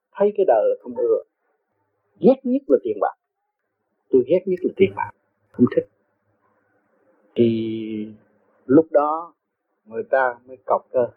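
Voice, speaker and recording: An older man with a husky, breathy voice recounts his past in loose, chatty storytelling. He circles back over his words and chuckles now and then. The sound is narrow and phone-like. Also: mid-range voice. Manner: rambling, repeats words, chuckles often. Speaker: interviewee. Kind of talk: casual storytelling. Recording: muffled phone-like recording.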